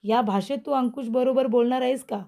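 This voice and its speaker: A woman's voice: fairly high pitch, steady tone, brisk, vocal fry, mellow. A woman reading the lines of a stern aunt from a TV serial, speaking in a reproachful, commanding way. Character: stern older aunt of the household.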